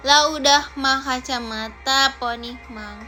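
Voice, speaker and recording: A playful young woman chats to her viewers during a home livestream, reading their comments aloud and teasing them. Her voice sits high and sounds bright and sharp. Faint music plays behind her. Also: fairly even intonation, slow. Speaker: live streamer.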